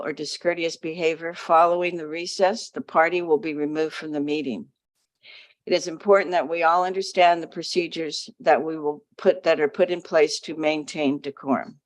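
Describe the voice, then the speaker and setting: A woman chairing a planning commission meeting, reading procedural rules and gently directing testifiers to the table microphone. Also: low voice. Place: county planning commission hearing room.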